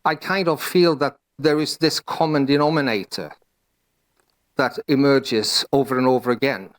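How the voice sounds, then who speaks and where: A man's voice: mid-range voice, normal speed. A middle-aged man from Sweden with a Swedish accent, giving a conference presentation with many fillers and restarts. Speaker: panel speaker.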